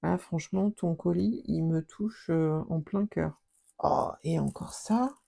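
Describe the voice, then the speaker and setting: A woman vlogger chatting casually as she opens packages, gushing with exclamations and sometimes dropping into soft whispers. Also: sits low, measured pace, vocal fry. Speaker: scrapbooking vlogger. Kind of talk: casual unboxing chat.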